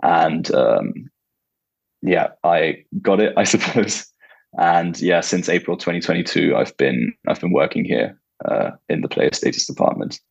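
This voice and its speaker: A man's voice: sits low, lively intonation, unhurried, creaky, slightly rough, no room sound, lo-fi sound. A young man from Italy and Germany answering interview questions casually, with many fillers. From born in Italy, raised in Germany. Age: young adult. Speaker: guest, legal counsel.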